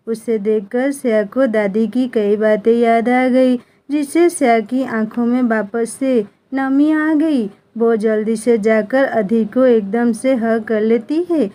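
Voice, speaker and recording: A woman narrating a romance story in a calm, even manner. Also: on the high side. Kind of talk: scripted narration.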